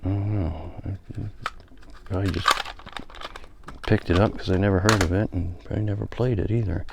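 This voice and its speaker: This middle-aged man has a low, creaky voice that stays steady and moves fairly quickly, and the recording is very noisy. As a vlogger showing off his music collection, he gives casual, unscripted show-and-tell commentary, muttering offhand asides to himself.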